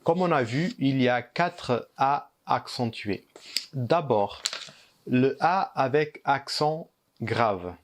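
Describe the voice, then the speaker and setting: A man walks through a language lesson at an unhurried, measured pace. He pauses often and fills gaps with hesitant ums, and his voice sits at an ordinary middle pitch. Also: lively intonation. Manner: slow and deliberate, pausing with hesitant fillers. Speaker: language teacher. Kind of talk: explanatory lesson.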